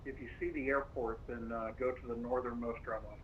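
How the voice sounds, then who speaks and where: A man working as an air traffic controller over a tinny radio link, giving clipped instructions with filler pauses. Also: medium pitch, steady tone. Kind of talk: radio phraseology.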